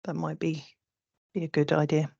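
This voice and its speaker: Gravelly voice on a muffled video call. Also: medium pitch, monotone, moderate pace, a little mellow, dry recording. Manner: hesitant. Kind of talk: casual online meeting discussion.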